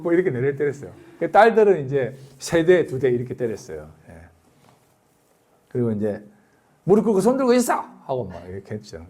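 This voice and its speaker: A man's voice: fairly high pitch, husky. A middle-aged man, a pastor giving a sermon, telling stories and acting out quotes with laughter. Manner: storytelling with lively acted-out quotes and laughter.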